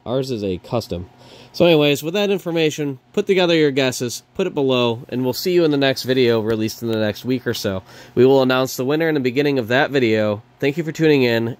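A man in his thirties hosting his car channel's vlog in a casual, self-deprecating, rambling way. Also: mid-range voice. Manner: laid-back, self-deprecating, rambling with fillers. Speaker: channel host.

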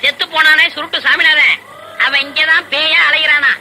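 A man's voice: extremely high pitch, fairly even intonation, moderate pace, sharp tone, slight background noise, exaggerated voice, low-quality recording. An actor playing a jumpy, chattering village man out alone at night in a film comedy scene. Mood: nervous. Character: jittery village man walking home at night. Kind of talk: Tamil film comedy acting.

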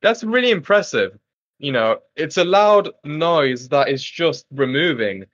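A young British man talking casually in a loud, half-shouting voice while testing gear, his voice processed through call noise suppression that leaves noise reduction artifacts. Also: fairly high pitch, animated, a little slow, dull audio. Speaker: tech video host. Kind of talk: casual product test talk.

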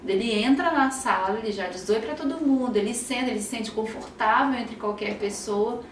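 A woman with a Brazilian Portuguese accent, a psychologist who is a guest on a podcast and tells stories lively, acting out her children's voices. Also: on the high side, fairly quick, far from the mic, slight background noise. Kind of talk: podcast interview, explaining. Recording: roomy, off-mic, faint ambience.

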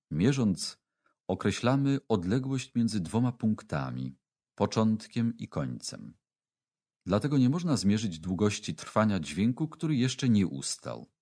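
Low-voiced man reading slowly. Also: a little mellow. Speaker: audiobook reader. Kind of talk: reading a classic religious text aloud.

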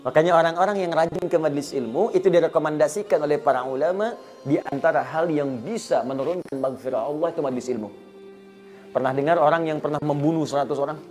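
Middle-aged male preacher, lively storytelling sermon, raised pitch, faint music underneath. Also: fast talker. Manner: storytelling with acted dialogue and Quran recitation; lively, swings between loud emphasis and soft asides. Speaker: Islamic preacher.

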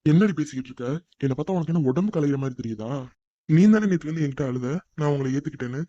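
A man voicing a curt, quick-tempered husband. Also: on the high side, mellow, dry recording, close to an everyday voice. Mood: indignant. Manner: curt, scolding. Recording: dull, muffled dry recording.

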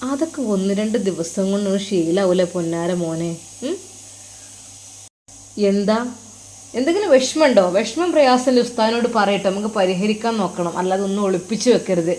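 A woman voicing a kindly, affectionate old male religious teacher who coaxes and questions gently. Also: medium pitch, normal speed, lightly acted. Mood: coaxing. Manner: coaxing, tender, questioning. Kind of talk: storytelling.

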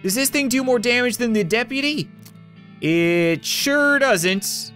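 A man's voice: extremely high pitch, slow pace, pushed and bright, faint music behind. A man in his thirties giving theatrical game playthrough commentary with wry asides, reading text aloud. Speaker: gaming video host.

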